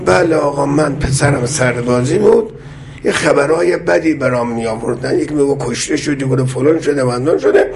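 A man preaching a sermon, speaking slowly and with measured weight, and acting out the voices of the people in the stories he tells. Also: mid-range voice, creaky, a little mellow, slight background noise. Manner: slow, measured delivery, voicing the people in his stories. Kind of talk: sermon with storytelling.

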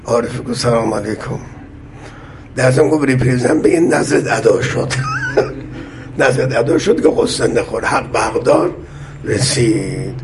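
A man preaching a sermon, speaking slowly and with measured weight, and acting out the voices of the people in the stories he tells. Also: mid-range voice, creaky, slight background noise. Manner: slow, measured delivery, voicing the people in his stories. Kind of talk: sermon with storytelling.

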